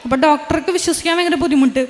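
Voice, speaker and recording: A woman's voice: high-pitched, very fast. A young woman giving an emotional religious testimony, earnestly retelling events and often restarting her sentences. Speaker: testimony giver. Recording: long hall reverb.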